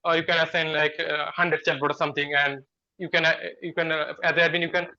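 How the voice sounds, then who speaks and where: A man explaining software features on a video call, halting, with many fillers and restarts. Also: on the high side, flat delivery. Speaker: software developer. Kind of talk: video call work meeting. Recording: dull lo-fi call audio.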